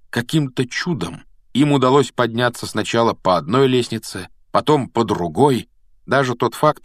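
Low-voiced man reading a storybook. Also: no echo, clean studio sound. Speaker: audiobook reader. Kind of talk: storybook narration.

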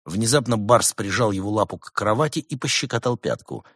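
A man narrating an audiobook in a dry, deadpan manner. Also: lowish voice, a little fast, slightly rough, no echo.

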